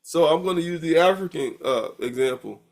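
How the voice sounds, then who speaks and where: A man's voice: a little high, lively intonation, fairly quick, a little mellow. Conversational male professor lecturing. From United States. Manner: conversational, repeats words while thinking. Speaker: university professor. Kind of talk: recorded lecture.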